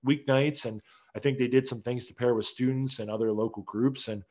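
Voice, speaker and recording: A man's voice: medium pitch, fairly even intonation, brisk, a little mellow. A young man hosting a casual sports chat, rambling loosely with lots of fillers. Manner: laid-back, filler-heavy rambling. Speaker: podcast host. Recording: slightly dull lo-fi audio.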